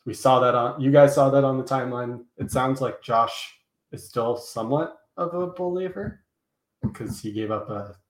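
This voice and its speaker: A man joins a relaxed sports podcast as a guest, talking frankly and poking fun at his own mistakes. His voice is mid-range for a man. The recording carries a noticeable room echo around him. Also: mid-range voice, moderate pace. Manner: frank, self-deprecating, talks up strong opinions. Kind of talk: casual fantasy football podcast chat. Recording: echoey room sound.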